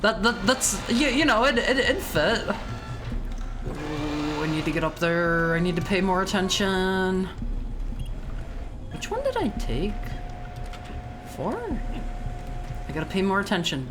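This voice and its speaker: A woman streamer chatting casually while gaming, haltingly repeating words and phrases as she goes. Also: on the low side, sing-song, over music. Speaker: video game streamer. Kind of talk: casual game streaming chat. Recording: clear background game noise.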